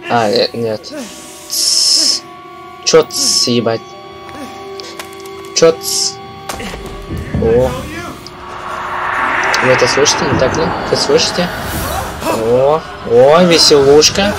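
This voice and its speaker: A male game streamer with burred, faulty r sounds talks at a middling pitch over game music. His commentary is casual and sweary, and he often trips over words when reading aloud. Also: big pitch swings, takes it slowly, pauses often, rough recording. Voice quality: burr, has trouble pronouncing his r sounds. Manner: profane, stumbles while reading aloud.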